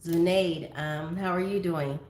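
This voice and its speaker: A woman in her fifties chats easily on a phone livestream, greeting viewers one by one and drifting into stories. Her voice sits fairly low, and the room gives it a clear echo. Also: steady tone, a little slow, a little mellow. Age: 50s. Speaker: livestream host. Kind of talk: casual livestream chat reading viewer comments. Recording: echoey room.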